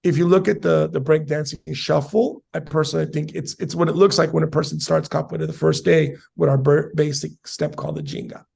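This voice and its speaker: A man in his forties from South San Diego, a capoeira master answering interview questions in a measured, academic way with many fillers. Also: on the high side, fairly even intonation, vocal fry, darkish tone, breathy edge. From South San Diego, USA. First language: Spanish and English.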